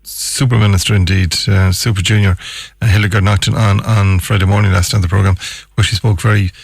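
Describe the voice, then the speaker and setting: A man's voice: fairly low pitch, little pitch movement, a little fast, vocal fry, slightly rough, no echo. A man presenting a current affairs radio show, talking in a conversational but emphatic way.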